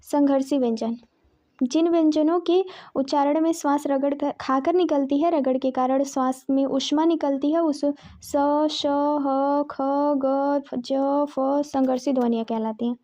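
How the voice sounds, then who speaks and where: A woman's voice: sits high, steady tone, measured pace, warm tone. A woman teaching a Hindi grammar lesson for exam prep, reading out lists of letters one by one and correcting herself as she goes. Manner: reads lists of letters item by item, self-correcting.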